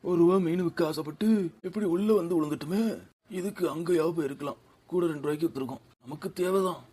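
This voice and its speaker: A man voicing a meek village fish seller in a cartoon, pleading and hurried. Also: fairly high pitch, mellow, breathy edge.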